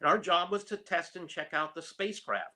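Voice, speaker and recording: Bright-voiced older man recounting his career. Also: high-pitched, animated. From New York. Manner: unhurried, many ums, explains clearly. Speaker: guest, retired space engineer. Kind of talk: telling his career story.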